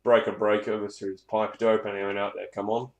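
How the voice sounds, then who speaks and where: Speaking at a normal speed in a flat, lowish voice, a hobbyist presenter rambles through an unplanned, hands-on gear demo, cursing occasionally. Clicks and clear background noise come through in the echoey space.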